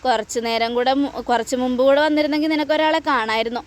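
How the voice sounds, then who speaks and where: Brief: woman voicing a jealous fiancée with probing questions, high voice. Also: quick pace, natural voice. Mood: needling.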